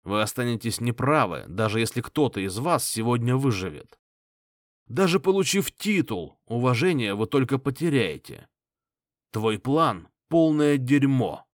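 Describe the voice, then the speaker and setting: A man's voice: medium pitch, very animated, unhurried, no room sound, studio quality. A man voicing a defiant hero who taunts his enemies. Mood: taunting.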